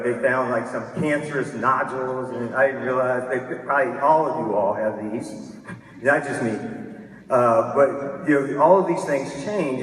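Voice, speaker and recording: A man in his fifties giving a candid, self-deprecating keynote talk, often restarting his sentences. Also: medium pitch. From Texas. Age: 50s. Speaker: keynote speaker. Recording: echoey hall from a distance.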